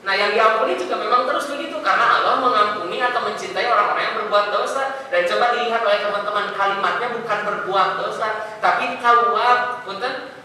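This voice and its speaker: A man preaching and answering questions in a mosque, talking in a conversational, animated way. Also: high-pitched. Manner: conversational, animated, mixes in local words. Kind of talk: sermon with Q&A. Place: mosque hall. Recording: echoey hall from far off, faint noise.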